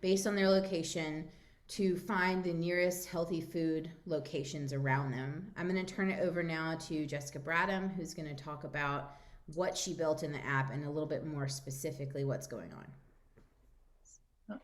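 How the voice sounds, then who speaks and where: A woman giving an informal software demo as the lead presenter, with a hesitant, slightly nervous delivery. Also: deep voice, fairly even intonation, moderate pace. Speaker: project presenter.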